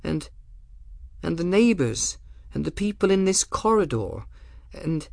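A man's voice: a little high, sing-song, unhurried, gravelly, a little mellow, no echo, voice pushed up, heavily acted. A fretful, stubborn young woman from a storybook, as a male narrator puts her on. Her voice is raised above his usual and swings widely as she pleads and protests, and the recording is dry and close. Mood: anxious, protesting. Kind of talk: audiobook character voice.

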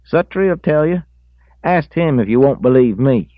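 A man voicing a rambling old drifter with a drawl, pitched up high above his own voice and hollering. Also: unhurried, no room sound, narrow, tinny audio, lightly acted. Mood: defensive.

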